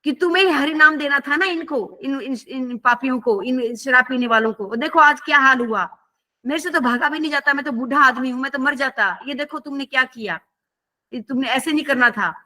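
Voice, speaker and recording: Woman doing old male saint, reproachful, grumbling, high bright voice. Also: fairly quick.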